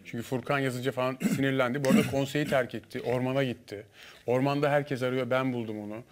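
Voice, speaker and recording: A man guest on a studio panel, telling a lively story and acting out the dialogue. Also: medium pitch, fast. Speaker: guest, former contestant.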